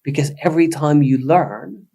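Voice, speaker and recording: A man from Sweden speaking English, a psychotherapist guest explaining ideas in an animated, emphatic way. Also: fairly high pitch, moderate pace, creaky. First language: Swedish. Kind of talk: conversational podcast interview.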